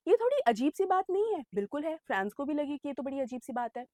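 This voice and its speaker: A woman's voice: sits high, very animated, fast talker, darkish tone, dry recording, clean studio sound. A young woman teacher explaining a story chapter to exam students, mixing English phrases into her explanation and calling them "beta". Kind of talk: online exam-prep lesson.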